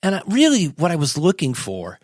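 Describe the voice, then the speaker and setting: A man's voice: on the high side, wildly swooping pitch, brisk, husky, no echo, clean studio sound, exaggerated voice. A man playing an easygoing modern Jesus as a podcast guest, chatting casually and a little hesitantly about branding in a comedy interview. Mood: casual, mildly exasperated. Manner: hesitant, folksy, conversational.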